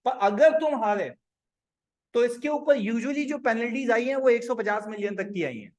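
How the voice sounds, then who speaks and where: A male accounting teacher giving a classroom lecture, animated, acting out client dialogues and quizzing his students. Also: very high-pitched, moderate pace.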